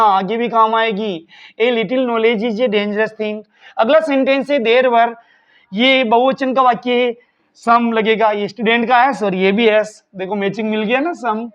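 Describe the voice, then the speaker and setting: Middle-aged male teacher, very high voice, emphatic exam-prep lesson style, dull lo-fi recording. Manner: emphatic, repeats answers as questions to students.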